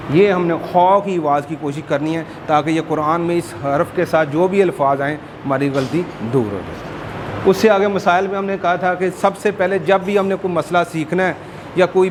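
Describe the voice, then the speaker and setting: A man teaching a Quran class, drilling Arabic letter sounds by repeating them slowly. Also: sits high, background noise.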